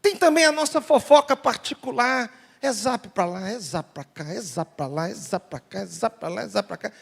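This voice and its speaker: A man's voice: high-pitched, expressive, normal speed, vocal fry, breathy edge. A male pastor preaching a sermon in a church, telling humorous family stories and acting out the dialogue. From Brazil. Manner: storytelling, humorous, acts out dialogue. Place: large church sanctuary. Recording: long church hall reverb.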